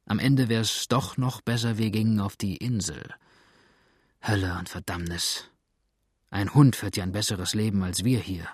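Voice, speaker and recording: A man's voice: lowish voice, unhurried, slightly rough, no room sound, clean studio sound. A man voicing a hungry, bitter male runaway who talks in an agitated, complaining way.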